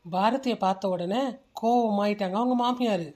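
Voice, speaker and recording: Steady cartoon story narrator. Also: medium pitch, normal speed.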